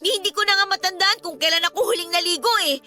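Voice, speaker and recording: In a Tagalog radio drama, a woman plays a distressed teenage daughter from a poor family, pleading with and questioning her father while staying respectful. Her voice is very high, racing, pushed and bright, and heavily acted. She sounds frustrated and weary.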